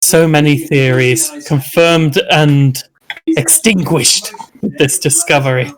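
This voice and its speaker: A man's voice: on the high side, takes it slowly, low-quality recording. Scholarly musing man at a game table. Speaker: player. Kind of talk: in-character tabletop play.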